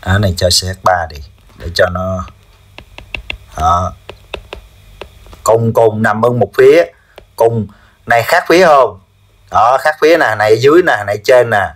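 A male chemistry teacher, drilling his class with repeated quick questions. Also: lowish voice. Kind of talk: classroom lesson.

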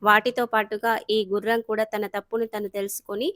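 A woman's voice: mid-range voice, flat delivery, moderate pace, a bit bright, dry recording, clean studio sound. A woman storyteller narrating a children's moral cartoon story in a chatty, colloquial way, with frequent filler words.

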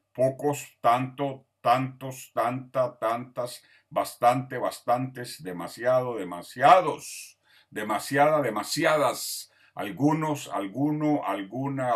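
A man teaching an online grammar class, patiently listing words one by one and checking in with his students. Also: mid-range voice. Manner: patient, lists words one by one, often asks "¿verdad?". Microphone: video call.

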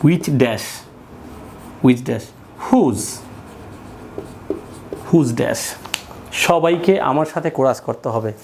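A man's voice: medium pitch, drawn-out words, vocal fry, long pauses, background noise. A man teaching an English lesson in a classroom, drilling phrases and asking the class to repeat after him.

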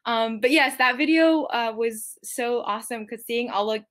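A woman's voice: fairly high pitch, normal speed, fairly bright tone. A woman in her twenties chatting casually on a livestream in a bubbly, self-mocking Gen Z manner, sprinkled with "like", on a webcam in a bedroom. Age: 20s. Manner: bubbly young Gen Z talk, giggly, self-mocking, full of "like". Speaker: TikTok creator and actor hosting a livestream. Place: small bedroom, indoors.

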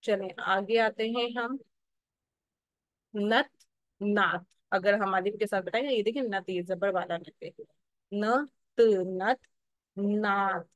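A woman with a Pakistani Urdu accent teaching a phonics lesson for teachers, slowly sounding out syllables and often checking in. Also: mid-range voice, a bit bright, no room sound, poor audio. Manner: explanatory, checks in with "theek hai" often.

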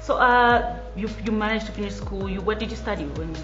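A woman's voice: medium pitch, brisk, roomy sound, muffled recording, music in the background. Chatty young woman talk show host. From Zambia. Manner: friendly, chatty questions with short backchannels. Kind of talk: casual interview. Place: indoor restaurant set.

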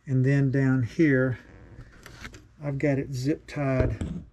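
A man's voice: medium pitch, level tone, drawn-out words, dark tone, a little hiss or hum. A middle-aged man explaining a homemade build in a casual workshop how-to, plainspoken with many fillers. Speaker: DIY maker showing a build. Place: cluttered home workshop.

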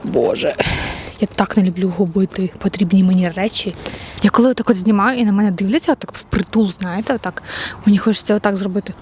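A young Ukrainian woman vlogger chats playfully to the camera, first walking outdoors in a park and then cooking at home. Her mid-range voice is a little mellow and she talks fast, with slight background noise.

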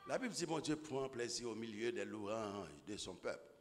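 A man preaching a sermon as pastor, swinging from low murmurs to shouted exclamations. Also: animated, moderate pace, slight background noise. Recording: echoey hall with long reverb.

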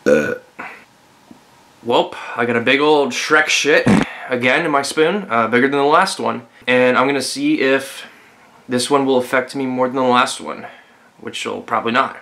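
A young man talking to camera in a bedroom for a casual challenge vlog, halting and deadpan, with crude humor. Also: medium pitch. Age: young adult. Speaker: cameraman and vlogger. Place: bedroom indoors. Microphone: camera at about arm's length.

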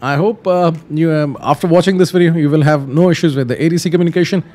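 With music playing behind him, this man talks fast in a slightly high, steady tone. He hosts flight simulator tutorials, casually guiding viewers step by step and going over simple instructions again.

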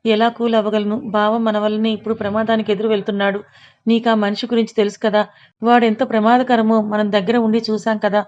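A woman's voice: medium pitch, level tone, quick pace, a little mellow, lo-fi sound, lightly acted. A woman reading as a frantic young wife, Divi. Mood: distraught. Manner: pleading, tearful. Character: young pregnant woman, frantic with worry for her husband.

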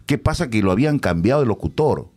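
A middle-aged radio announcer, telling stories in an animated, expressive way during a casual conversation. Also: male voice, medium pitch, fast talker, soft background music.

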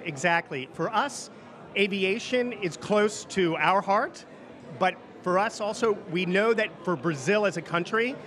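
High-pitched male executive, forties, measured interview delivery over busy crowd chatter. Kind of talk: interview answers. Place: indoor reception event at a hangar. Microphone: handheld interview microphone.

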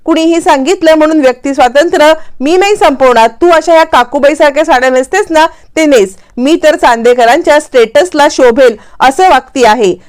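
A woman's voice: high voice, a little fast, hardly any pauses, a little mellow, close to an everyday voice. A woman doing a haughty defiant young bride. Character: arrogant young daughter-in-law, defiant and rude.

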